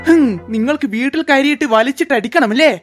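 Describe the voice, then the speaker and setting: A woman voicing a threatening adult householder in a cartoon, talking in a gruff, menacing way. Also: high-pitched, fast talker, soft background music, lightly acted. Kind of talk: cartoon voice acting.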